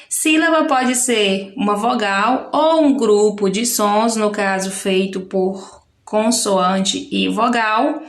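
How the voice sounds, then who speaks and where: A woman teacher with a Brazilian Portuguese accent explains a lesson to young children, slowly and patiently, breaking words into syllables. Her voice sits a little high, and she talks at a very slow pace. The sound is roomy and echoey. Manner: patient, slows to spell out syllables. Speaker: primary school teacher. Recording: echoey room.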